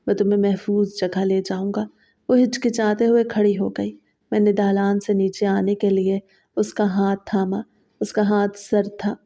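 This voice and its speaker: A woman narrating a horror story in the first person, in a slow, steady, scripted way, in a dull lo-fi recording. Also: medium pitch.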